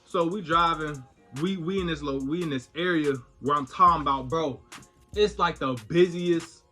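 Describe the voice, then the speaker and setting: A young man with a bright, forceful voice recounts a car mishap in loose, slangy storytime fashion. He jumps into the quotes with lively energy. His pitch sits a bit high, with faint music underneath. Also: normal speed. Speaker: vlogger. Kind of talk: casual storytime.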